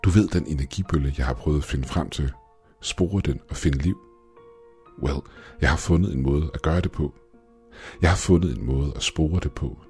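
A man voicing an obsessive, excitable young male astronomy student who talks eagerly and urgently. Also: very deep voice, faint music behind. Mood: excited.

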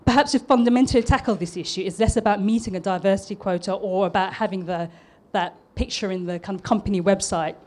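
A woman's voice: mid-range voice, fast, hardly any pauses, darkish tone. Earnest woman with polished English accent. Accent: polished southern English. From East London, England. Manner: earnest, slightly nervous, with small restarts. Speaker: public speaker and architect. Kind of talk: prepared public talk.

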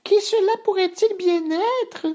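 Bébé Ours, a squeaky bear cub. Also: male voice, steady tone, mellow. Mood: whiny. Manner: slow, stammering whine. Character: high squeaky little bear cub, whiny. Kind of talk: storybook reading.

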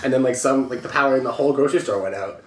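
A man on a casual panel chat, telling an animated story and acting out the voices of the people in it. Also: medium pitch, very fast, slight background noise. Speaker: panel guest. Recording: roomy echo.

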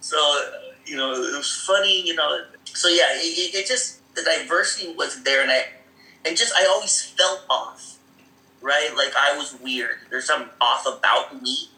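Speaking at normal speed, a guest from the Seattle area with a fairly high, bright, forceful voice casually tells stories about his youth. He rambles with plenty of fillers, laughs a lot and acts out quoted voices, recorded in an echoey room with poor audio.

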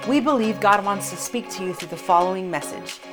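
A woman's voice: mid-range voice, a little fast. A woman reading a scripted welcome announcement. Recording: music playing behind.

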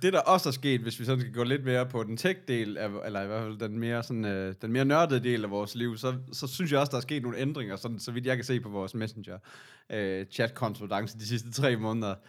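Man, Danish accent, medium pitch, podcast co-host, casual chat, agreeable, informal. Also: few pauses.

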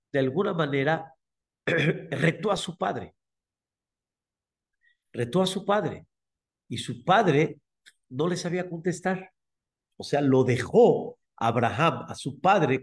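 A male rabbi with a Mexican Spanish accent delivers a sermon in an emphatic, storytelling way. His voice sits a little on the high side, and he drives points home by repeating key words, pausing now and then to clear his throat.

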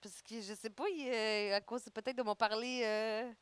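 A woman's voice: on the high side, steady tone, a bit bright, smooth, no echo. A young woman with a Québécois accent chatting casually in a playful, teasing way. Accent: Québécois French. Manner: playful, teasing, quick laughs. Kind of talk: casual chat.

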